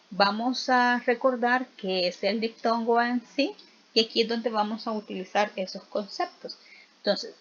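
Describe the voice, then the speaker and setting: A woman teacher giving a recorded spelling lesson, slow and patient, spelling out vowels and examples aloud and asking the listener to repeat after her. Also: medium pitch, muffled recording.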